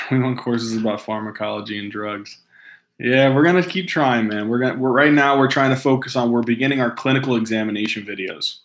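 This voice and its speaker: Reading fan mail to camera at home, this host, a man in his thirties from Hawaii, stays loose and distractible, laughing often and starting sentences over. Dogs bark at times. His medium-pitched voice is a bit bright and a little quick.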